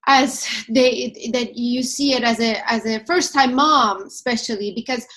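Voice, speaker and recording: A woman's voice: fairly high pitch, measured pace, fairly bright tone. A woman from Iran and Sweden hosting a conversational interview, earnest and affirming, sometimes searching for words. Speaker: host.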